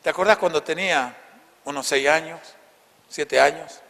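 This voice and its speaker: A man in his fifties with a Santa Cruz Bolivian accent, preaching a sermon and telling a childhood story, often dropping to soft, hushed tones. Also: fairly high pitch, normal speed, creaky, in a large hall. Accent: Bolivian Spanish, Santa Cruz. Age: 50s. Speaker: pastor. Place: church hall.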